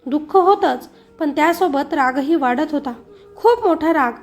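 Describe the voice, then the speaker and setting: A woman's voice: high voice, lively intonation, unhurried, faint music behind. A woman narrating a first-person story in the voice of a grieving mother, with emotion.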